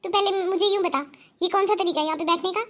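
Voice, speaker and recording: A woman's voice: extremely high pitch, steady tone, quick pace, a bit bright, a little hiss or hum, pitched above the performer's own voice. A woman voicing a firm middle-aged mother in a cartoon, lecturing her daughter at length. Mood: scolding. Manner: lecturing, scolding. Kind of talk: cartoon voice acting.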